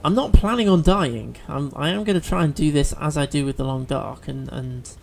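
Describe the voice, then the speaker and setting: A man's voice: a little high, normal speed, creaky, a little mellow, slight background noise. A man chatting through a video game as he plays, thinking aloud with fillers and restarts. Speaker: let's play host. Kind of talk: gameplay commentary.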